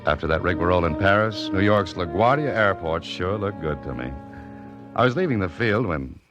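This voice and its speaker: Earnest american tough-guy hero in old radio show, real low voice, muffled sound. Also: lively intonation, normal speed, music in the background. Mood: wry narrating. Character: earnest hard-boiled male writer-adventurer wrongly accused. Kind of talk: 1940s radio drama acting with first-person narration.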